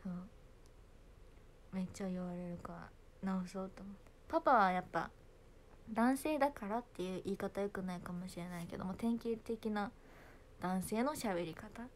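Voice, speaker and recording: A woman's voice: mid-range voice, normal speed, slight background noise. A young woman, chatting casually and giggling on a phone livestream. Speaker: idol livestreaming to fans.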